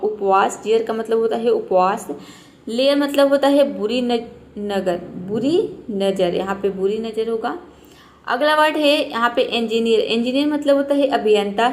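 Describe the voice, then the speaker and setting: A woman teaching an English pronunciation lesson step by step, asking and answering her own questions. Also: on the high side.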